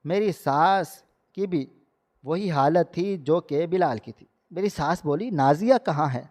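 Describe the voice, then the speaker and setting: A man reading a dramatic first-person story in a steady storytelling manner. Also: a little high. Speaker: narrator. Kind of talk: scripted story narration. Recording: long hall reverb.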